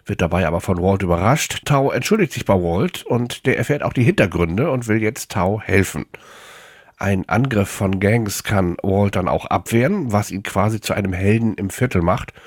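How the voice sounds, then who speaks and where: Casting: male radio presenter, fairly low register, close dry studio sound, chatty scripted read. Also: animated, moderate pace, husky, no room sound. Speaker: radio host. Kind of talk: scripted, conversational film recommendation.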